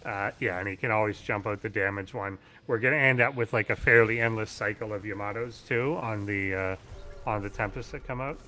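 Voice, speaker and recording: A man's voice: on the low side, brisk, pushed and bright, faint music behind, rough recording. A man co-casting live esports, laid-back and agreeable, often answering with "yeah" and "indeed". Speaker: co-caster.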